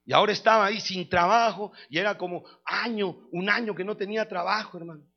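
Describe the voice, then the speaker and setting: A man's voice: high voice, fast talker, vocal fry. A man preaching a sermon, telling a personal testimony and then leading the congregation in a repeat-after-me prayer, calling listeners brother. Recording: dull lo-fi recording with faint music.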